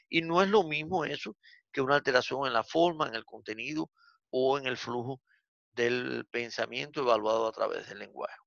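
A male lecturer with a bright, gravelly voice works through a psychiatry lesson at a measured pace, filling pauses with "eh" and calling on his students directly. The sound is dry and a little dull, with a lo-fi edge. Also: medium pitch, no echo. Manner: explanatory, frequent "eh" fillers, addresses class as "señores". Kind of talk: university lecture.

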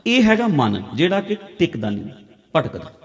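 A man's voice: a little high, very animated, normal speed, long reverb tail. A man with a Punjabi accent giving a religious discourse, explaining with everyday examples and repeating key phrases. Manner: conversational, repetitive teaching with everyday examples. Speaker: preacher. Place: large hall with a congregation.

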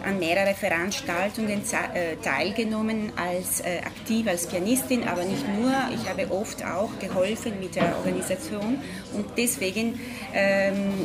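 An Italian pianist in her thirties presents her concept at a press conference in German, her Italian accent audible, often pausing with fillers as she hunts for words. Her voice is medium-pitched and steady, picked up by a distant table microphone in an ornate café room with an audience. Loud music and a loud crowd fill the room behind her.

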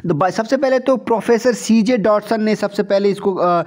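Guy teaching exam prep, fairly high voice, reads english lines slow then explains in hindi, keeps asking the viewer questions. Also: darkish tone. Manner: asks rhetorical questions to the viewer.

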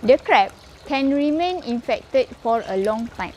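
A young woman presenting an educational explainer on farming, reading facts and figures in a steady, explanatory way, filmed at medium distance. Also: on the high side, a little slow, slight background noise. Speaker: aquaculture presenter. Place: indoor aquaculture lab and outdoor farm area.

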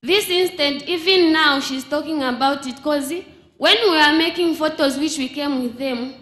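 A woman's voice: high-pitched, normal speed, a bit bright. A young woman from Zambia giving an earnest church testimony into a handheld mic. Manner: earnest storytelling. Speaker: testifying congregant. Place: large church hall. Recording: echoey church hall.

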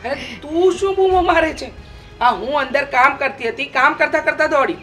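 A woman's voice: sits high, normal speed, a bit bright, faint music behind. A woman with a Gujarati accent playing a scheming older mother-in-law who scolds and grumbles, in a short drama. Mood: irritated.

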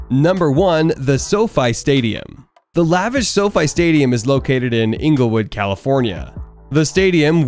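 A man reading a scripted top ten countdown, lifting his voice on each new number and reading the facts evenly. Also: medium pitch. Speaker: narrator of a top ten list channel. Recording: voice-over with faint background music.

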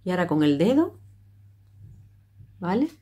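Woman, middle-aged, casual makeup tutorial, mellow and low voice. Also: sing-song, measured pace, husky. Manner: chatty, hesitant, many fillers and restarts. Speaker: makeup vlogger.

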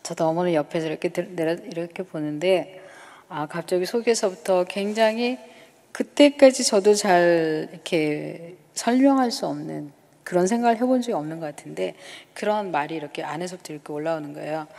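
A woman's voice: on the low side, a little fast, vocal fry, darkish tone. A woman in her fifties from the Gyeongsang region, a missionary giving an emotional church testimony. She tells her story by acting out remembered dialogue and sometimes drops to a whisper. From Gyeongsang, South Korea. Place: church worship hall. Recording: reverberant church hall.

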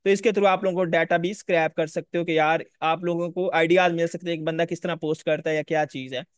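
A fairly high-pitched man walks viewers through a live screen-share tutorial. He talks casually and repeats himself, often checking whether they can see his screen. The voice sits dry and close to the mic. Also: steady tone, fast talker, smooth, no room sound. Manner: casual, repetitive, addresses viewers directly. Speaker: online course instructor.

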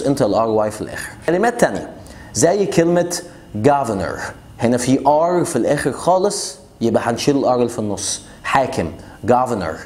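A young man with an Egyptian Arabic accent teaching English pronunciation in a casual video lesson, joking and boastful, slowing right down to spell out example words. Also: mid-range voice, a little mellow. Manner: boastful, joking, rapid chatty explanations with slow drawn-out example words.

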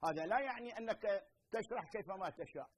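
A middle-aged man with an Iraqi Arabic accent teaching a televised lesson, explaining slowly, repeating points and checking that students understand. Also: high voice, a little hiss or hum, low-quality recording. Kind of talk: televised lesson with phone-in questions.

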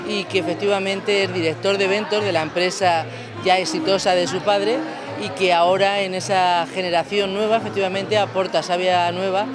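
A woman's voice: medium pitch, fairly even intonation, moderate pace, over music. A woman in her fifties answering an interview at an awards event, fluent and explanatory. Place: event hall with stage backdrop.

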